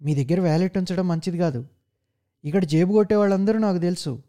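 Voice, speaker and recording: A man's voice: sits high, fast, mellow, lightly acted. Man voicing a brash young con-man guide. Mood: breezy, persuasive. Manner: persuasive, breezy and brash.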